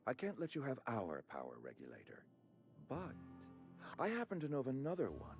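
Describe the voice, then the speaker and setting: An actor playing an officious, smarmy town administrator in a video game, speaking in a formal, unctuous manner. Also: male voice, mid-range voice, huge pitch swings, a little fast, over music. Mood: smooth, scheming. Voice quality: slimy. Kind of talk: video game character acting.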